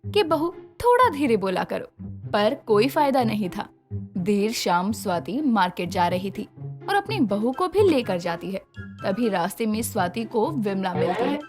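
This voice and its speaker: A woman narrating a cartoon moral story in an expressive storytelling manner. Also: medium pitch, a little slow, music in the background.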